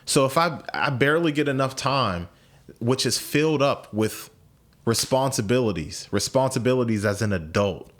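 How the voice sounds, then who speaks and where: A US man in his late twenties hosts a podcast, chatting casually and thinking aloud with frequent repeats and restarts. His voice sits in the mid-range, with lively intonation and a moderate pace.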